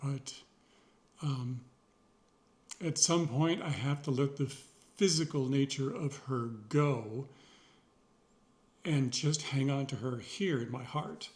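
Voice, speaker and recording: A middle-aged man talking slowly and sincerely in a personal video journal, pausing often with fillers and a dry joke now and then. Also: medium pitch, a little mellow. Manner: rambling, pausing, many fillers; sincere, reflective, wry. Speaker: vlogger.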